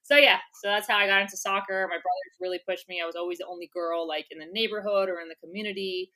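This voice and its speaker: A woman who speaks English natively and once played soccer appears as a podcast guest in a casual conversational interview, chatting, laughing often and using lots of filler words. Her mid-range voice is fast, pushed and bright with fairly even intonation, and the recording is rough.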